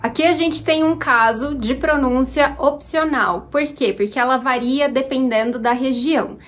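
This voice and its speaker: A woman from Brazil with a Minas Gerais accent, explaining Portuguese grammar clearly as a teacher answering viewer questions. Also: high-pitched, moderate pace.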